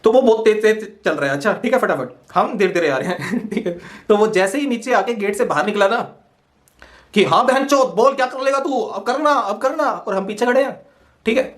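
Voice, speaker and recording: A young man casually telling a funny personal story, lively and laughing often as he acts out what people said. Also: high-pitched, a little fast.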